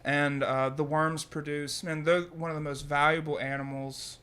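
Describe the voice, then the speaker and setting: Laid-back young farmer. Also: male voice, fairly high pitch, level tone, moderate pace, sharp tone. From Louisiana, US. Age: young adult. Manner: laid-back, says "man" often, many fillers. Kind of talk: casual conversation.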